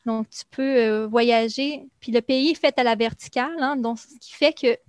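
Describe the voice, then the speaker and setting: A young adult woman, explaining things in a relaxed conversation, chatty and full of fillers. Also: fairly high pitch, moderate pace, clean tone, no room sound. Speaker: guest recounting life in Brazil. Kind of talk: casual conversation.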